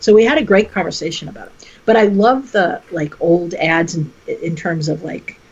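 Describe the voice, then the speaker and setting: A woman's voice: on the low side, moderate pace, husky. A woman, a teacher and guest on a podcast, talking in a chatty, earnest way about old media. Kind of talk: casual chat. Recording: dull, lo-fi sound.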